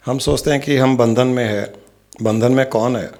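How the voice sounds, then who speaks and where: A man giving a slow, measured spiritual discourse, posing questions and answering them himself. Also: mid-range voice, fairly even intonation, creaky, darkish tone. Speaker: spiritual teacher.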